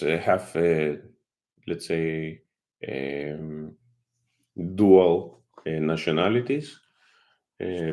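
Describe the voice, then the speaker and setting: Slow, deep-voiced man hosting a live stream. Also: darkish tone. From Kazakhstan. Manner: halting, many fillers and restarts. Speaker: channel host, marine consultant. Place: home in Greece.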